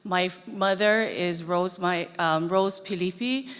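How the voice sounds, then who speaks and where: A woman's voice: on the low side, fairly even intonation, measured pace, fairly bright tone, smooth. A woman from Hawaii giving an orderly convention speech as a board candidate, laying out her points steadily. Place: large convention hall. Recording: long hall reverb.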